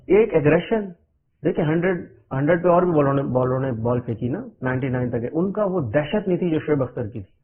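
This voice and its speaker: Middle-aged guy from pakistan telling cricket stories, chuckly and rambling, kinda high voice, sounds like a phone line. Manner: animated, chuckling storyteller, loose run-on sentences. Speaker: cricketer guest. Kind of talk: anecdotal interview storytelling. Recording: narrow phone-like radio audio.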